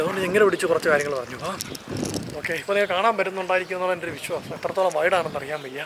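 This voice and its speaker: A man's voice: a little high, fairly bright tone, slight background noise. A man with a Malayali accent narrating a casual travel vlog as he walks outdoors, holding the camera and chatting enthusiastically, often correcting himself. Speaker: travel vlogger. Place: outdoors walking through a seaside town and park. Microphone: handheld camera while walking.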